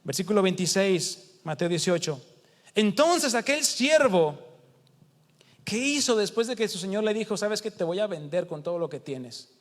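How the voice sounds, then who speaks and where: A Mexican man preaching in a house of prayer, his voice sitting high for a man. He talks conversationally, asks the congregation rhetorical questions and acts out the quotes he reads. The sound rings with the long reverb of the hall. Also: animated, fairly quick. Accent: Mexican Spanish. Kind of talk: sermon.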